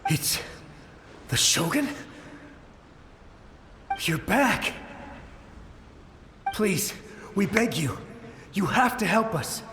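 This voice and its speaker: An actor playing the desperate ghost of a fallen soldier in a video game, with a strained, pleading, urgent delivery. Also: male voice, high-pitched, very animated, extremely slow, pauses often, background noise, heavily acted. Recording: echoing, long reverb over music.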